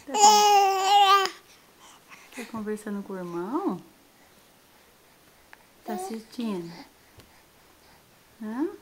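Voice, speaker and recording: Slow, coaxing Brazilian mother. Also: sits high, big pitch swings, heavy background noise. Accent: Brazilian Portuguese. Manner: slow, gentle, coaxing and repetitive. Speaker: mother talking to her babies. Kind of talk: home video baby talk.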